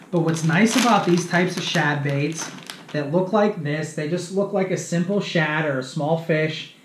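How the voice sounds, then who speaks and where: A man's voice: high-pitched, echoey room. A man in his thirties hosting a casual fishing lesson, upbeat and chatty, talking straight to his viewers from a small room at home. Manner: upbeat, chatty, addresses viewers as "you guys". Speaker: fishing channel host. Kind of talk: casual instructional video.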